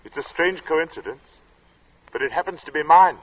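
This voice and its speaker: A man acting as an uneasy, introspective gentleman who narrates an eerie tale in 1940s radio suspense style, measured and literate. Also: a little high, close to an everyday voice. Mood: shaken, tense. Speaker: narrator and protagonist. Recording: muffled old radio drama recording.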